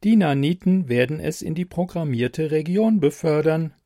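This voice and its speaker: A man's voice: a little high, lively intonation, moderate pace, mellow, dry recording, clean studio sound, pitched above the performer's own voice. A man voicing a polite, mechanical beauty computer that speaks in formal, stiff phrases in an audiobook reading. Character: bumbling female-addressing beauty computer, polite, robotic.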